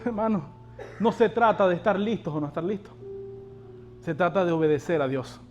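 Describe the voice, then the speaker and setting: A man with a notably high voice preaches to his congregation, pressing them with questions and calls to act. Faint instrumental music plays softly behind him. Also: a little fast, muffled recording. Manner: exhorting, asks the congregation rhetorical questions. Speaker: pastor. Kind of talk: sermon.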